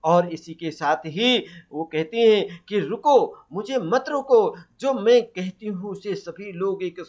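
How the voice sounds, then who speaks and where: Animated and high-voiced, with a darkish tone, a man leads an exam-prep lesson on Hindi poetry. He quizzes the class and then answers himself, slowly reciting the verse. The sound quality is dull and lo-fi.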